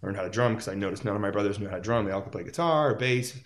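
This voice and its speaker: A man's voice: on the low side, rapid-fire. A man from Las Vegas, a musician guest in a casual interview, telling stories in a rambling way with many fillers. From Las Vegas, United States.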